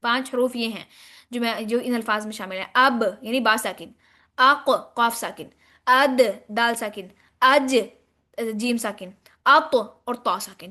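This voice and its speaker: A woman teaching Quranic recitation rules, explaining step by step and demonstrating words in slow drawn-out chanting. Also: a little high, a bit bright. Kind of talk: tajweed lesson.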